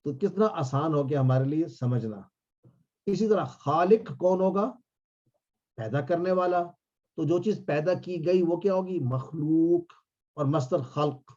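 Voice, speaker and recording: A man teaching a class, drilling phrases slowly and quizzing his students. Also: on the high side, a little mellow, lo-fi sound. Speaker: Arabic teacher.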